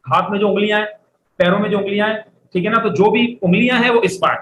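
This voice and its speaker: A man's voice: high-pitched, fast talker, fairly bright tone. A man teaching Arabic vocabulary in a classroom lecture. He drills words and has his students repeat them after him. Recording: echoey room, faint background noise.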